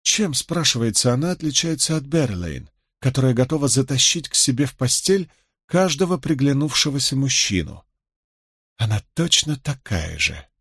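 A man voicing a tipsy young noblewoman, proud and emotional, speaking a little higher with an indignant edge. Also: big pitch swings, moderate pace, a bit bright, husky, dry recording, studio quality, full character voice. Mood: accusing.

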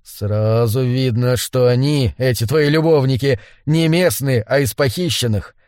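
A man voicing a gruff, weary male ex-smuggler who talks coarse, low and grumbling, in an audiobook. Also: unhurried, darkish tone, no echo, clean studio sound, natural voice. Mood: scornful.

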